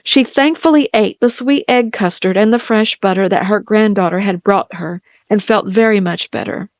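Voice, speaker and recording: A woman's voice: medium pitch, normal speed, dry recording, clean studio sound. Woman reading a fairy tale aloud. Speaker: storybook reader.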